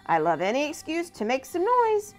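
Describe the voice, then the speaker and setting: A woman doing Rowdy, a loud crowing rooster. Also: high-pitched, wildly swooping pitch, moderate pace, faint music behind, voice pushed up. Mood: boisterous. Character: noisy, boastful male rooster.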